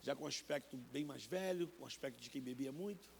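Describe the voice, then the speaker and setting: A man in his fifties with a Brazilian Portuguese accent, preaching a personal testimony in church, animated and acting out the people in his stories. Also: medium pitch, fast talker, creaky, slight background noise. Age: 50s. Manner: animated, acts out voices in his stories, calls listeners brother. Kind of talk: sermon testimony. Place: church sanctuary.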